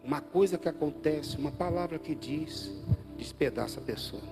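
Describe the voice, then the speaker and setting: A man with a Brazilian Portuguese accent preaching an Easter Sunday sermon in a church, swinging between loud emphatic bursts and low quiet asides. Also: moderate pace. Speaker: pastor. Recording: live church audio with faint music.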